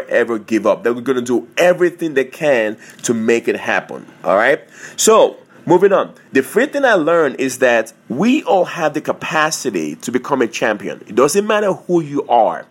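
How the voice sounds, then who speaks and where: A man hosting a podcast, telling a personal story in an emphatic, repetitive way, often checking in with "okay?". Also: mid-range voice. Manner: emphatic, repeats lines, keeps asking "okay?". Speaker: podcast host, personal trainer. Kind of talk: motivational storytelling monologue.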